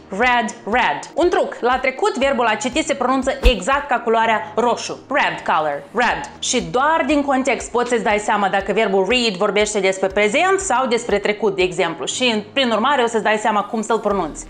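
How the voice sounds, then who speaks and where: A woman teaching an English lesson online, upbeat and encouraging, repeating words slowly and clearly. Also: a little high, fairly bright tone. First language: Romanian.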